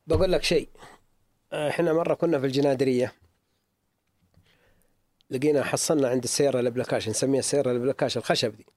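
A man's voice: mid-range voice, steady tone, racing, long pauses, darkish tone, no room sound, studio quality. A middle-aged man with a sore throat, telling stories earnestly in a casual interview as a museum owner. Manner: earnest, storytelling, repeats himself for emphasis.

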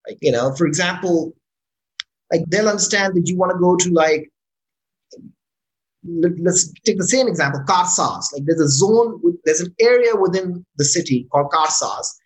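A founder of a Pakistani startup speaks at normal speed and medium pitch, answering interview questions casually over poor audio. "Right?" tag questions come often, and excited moments bring restarted words.

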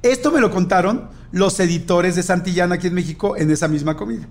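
A man's voice: high voice, quick pace. A man with a Mexican accent, animatedly telling an anecdote in casual chat and acting out the dialogue. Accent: Mexican Spanish.

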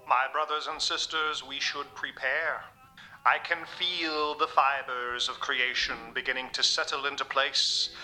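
A devout, sermonizing husband, played by a man with a very bright, tense voice. He talks in stately, formal phrases, as if he is always in the pulpit. It sounds like an audio drama. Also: mid-range voice, steady tone, measured pace, soft background music, low-quality recording. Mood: solemn.

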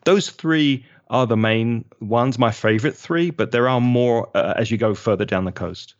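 A man's voice: mid-range voice, normal speed, no echo, muffled recording. A man with a London accent, a guest chatting casually and enthusiastically in an interview, spelling out names as he goes. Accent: London English. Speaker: guest, local resident.

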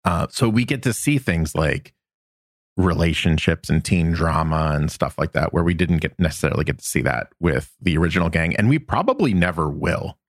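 A man co-hosting a podcast, chatting casually and recapping episodes with a relaxed, rambling manner. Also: rumbling low, normal speed, no room sound, clean studio sound. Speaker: podcast co-host.

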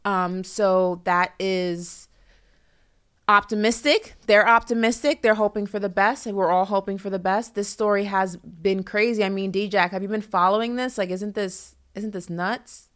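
A woman's voice: mid-range voice, steady tone, moderate pace, few pauses, smooth. Chatty woman in her thirties hosting. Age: 30s. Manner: chatty, asks questions, many fillers. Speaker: podcast host. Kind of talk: casual chat.

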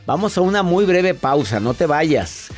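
A man's voice: fairly high pitch, big pitch swings, unhurried, faint music behind. A man hosting a radio call-in show, chatting playfully and acting out little dialogues. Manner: playful, laughing, acts out dialogues. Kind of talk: radio call-in chat and advice. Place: radio studio booth.

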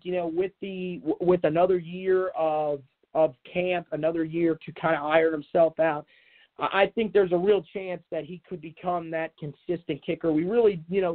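Male sports podcast host, high-pitched voice, casual unscripted rambling, tinny phone-like recording. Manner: rambling, repeats filler phrases like "you know". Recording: tinny, narrow phone-like sound.

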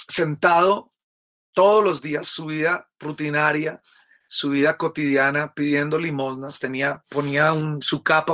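A man's voice: on the high side, sharp tone. A man giving an earnest, storytelling sermon and speaking straight to the listener. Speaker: preacher. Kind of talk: sermon-like spiritual reflection.

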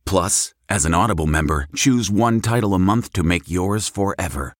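A man's voice: low-pitched, normal speed, no echo, clean studio sound. A man reading a scripted podcast advertisement as an announcer.

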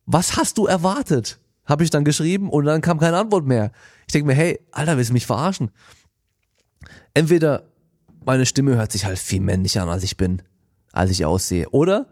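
Young male podcast host, lively slangy delivery, dry close-mic sound. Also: a little high, dry recording. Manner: animated, slangy storytelling, acts out quoted lines. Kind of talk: casual monologue. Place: home studio, seated. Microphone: podcast microphone.

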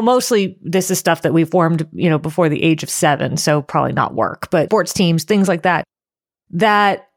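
Lady life coach chatting on a podcast, kinda low voice, earnest, dry close sound. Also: no echo. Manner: earnest, animated, acts out quoted voices. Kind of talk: casual podcast chat.

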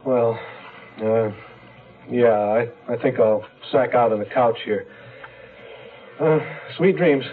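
A man's voice: mid-range voice, slow pace, pauses often, close to an everyday voice. An actor playing a weary, hard-drinking male insurance investigator who stammers when flustered, in a 1970s radio drama. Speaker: detective narrator. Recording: tinny old radio broadcast with music.

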